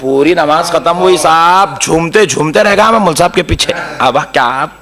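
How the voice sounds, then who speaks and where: A male preacher delivers a sermon through animated stories. His voice sits high and sounds bright and forceful, and he keeps turning to the crowd with questions. At times he slips into a sung, melodic recitation. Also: moderate pace. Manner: lively storytelling, calls out to the congregation; chants Arabic verses in a melodic recitation.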